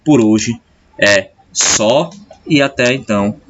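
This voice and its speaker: Patient male teacher explaining slowly. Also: medium pitch, fairly bright tone, lo-fi sound, a little hiss or hum. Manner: patient, repeats tag questions like "certo?" often. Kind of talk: video lesson.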